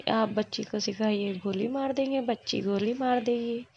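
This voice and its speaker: A woman's voice: on the high side, normal speed, gravelly, a little mellow, husky, dull audio. A woman voicing a firm elder sister-in-law who scolds in a story reading. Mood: scolding.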